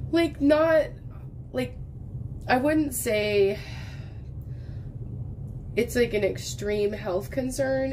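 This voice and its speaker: In a low-quality recording with a little hiss or hum, a woman in her thirties with a mid-range, slightly mellow voice chats at an indoor craft table while diamond painting. A crafting vlogger, she rambles from one thought to the next and coughs as she recovers from having lost her voice.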